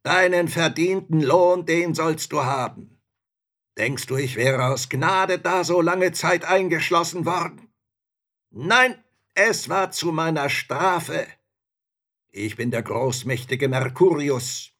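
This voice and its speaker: Man putting on a booming arrogant bottle spirit. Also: full character voice. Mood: threatening. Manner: drawn-out, booming shouts. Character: huge arrogant male bottle spirit, menacing and whiny. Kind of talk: storybook reading.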